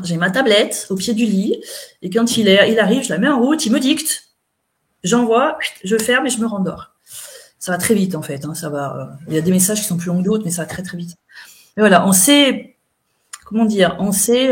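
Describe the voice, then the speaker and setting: A woman's voice: medium pitch, moderate pace. A middle-aged woman, an interview guest, chatting casually as she recounts events and quotes what people said.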